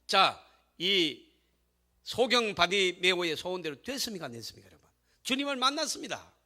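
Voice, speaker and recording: A man pastor preaching a sermon, telling a story emphatically and calling out to the congregation, moving from hushed to loud. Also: a little high. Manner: swings between hushed storytelling and loud exhortation.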